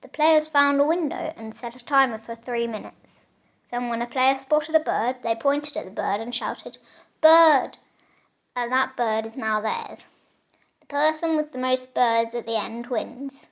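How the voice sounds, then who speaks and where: A woman's voice: fairly high pitch, moderate pace, poor audio. A young woman reading out a made-up sports news report from a written script. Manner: reads a written script in a steady way.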